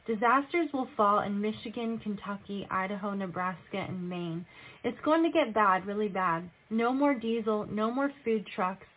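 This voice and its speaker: A woman delivering religious prophecy and scripture in a solemn, admonishing manner. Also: mid-range voice. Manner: solemn, admonishing, rhetorical questions. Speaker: self-styled prophetess delivering a message as God. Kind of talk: prophetic proclamation and scripture reading. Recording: tinny, phone-like narrow-band audio.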